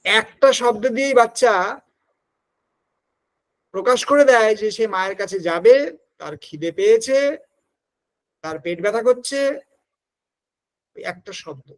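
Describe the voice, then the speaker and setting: A man's voice: high voice, a little slow, pauses often. A male teacher giving an exam-prep lecture, explaining step by step, dropping in English terms and checking that his students follow.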